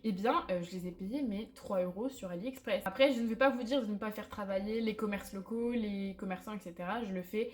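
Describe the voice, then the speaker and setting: A woman's voice: medium pitch, fairly quick, hardly any pauses, darkish tone. A young woman vlogging in a casual, candid way, chatty and self-mocking, with lots of fillers. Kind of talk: casual chat to camera. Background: faint background music.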